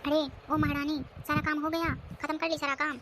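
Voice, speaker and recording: A woman voicing a cruel, bossy sister-in-law who nags and scolds loudly in a cartoon. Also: sits high, flat delivery, a little fast, background noise, natural voice. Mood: harsh. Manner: harsh, nagging, loud.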